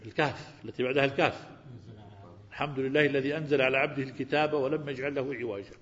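A man's voice: mid-range voice, fairly even intonation, quick pace, fairly bright tone. A man teaching a Quran lesson, asking his students questions and repeating key words. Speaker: religious teacher. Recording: reverberant hall, dull lo-fi sound.

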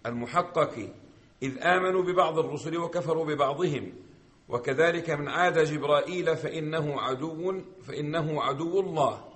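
A man reading verses and a commentary text aloud in a measured recitation for a lesson. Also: fairly high pitch, fairly bright tone. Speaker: student reader.

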